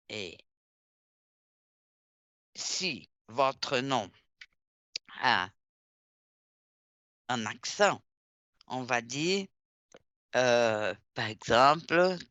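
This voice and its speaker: A woman teacher, deliberately spelling out words letter by letter during a class. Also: very deep voice, expressive, a bit bright, smooth, no echo, muffled recording. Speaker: language teacher. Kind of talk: online class instruction.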